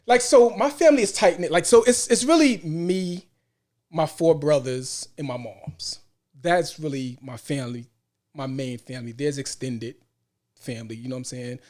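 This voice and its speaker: A man's voice: a little high, normal speed, darkish tone. A man with a Brooklyn, New York accent hosting a podcast in casual conversation, emphatic and given to repeating phrases. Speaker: podcast host.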